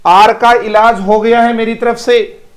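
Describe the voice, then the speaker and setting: A man with a high-pitched voice and an Indian Hindi accent teaches an online phonetics class. He repeats each word several times and praises his students by name. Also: flat delivery, unhurried, echoey room. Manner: drills words aloud, repeats examples, praises students by name.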